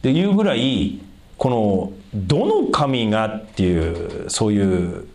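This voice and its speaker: A man's voice: fairly low pitch, very animated, a little slow, vocal fry, darkish tone. A man preaching a sermon as a pastor, talking conversationally and addressing the congregation directly. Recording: echoey room.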